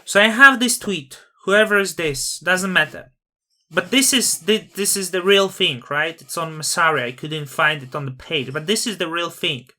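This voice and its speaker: A man's voice: sits high, moderate pace, sharp tone. A man with a noticeable non-native accent hosting a crypto channel, talking in a grandiose, self-aggrandizing persona full of rhetorical questions. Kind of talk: casual opinion monologue on screen.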